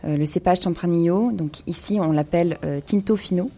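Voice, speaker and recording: Soft-toned woman giving a radio wine column. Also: lowish voice, fairly quick. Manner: hesitant, many fillers. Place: radio studio.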